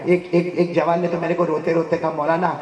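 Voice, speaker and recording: A man with a Gujarati accent preaching a humorous sermon, telling jokey stories and breaking into loud exhortation. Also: on the high side, flat delivery. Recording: echoey hall with crowd.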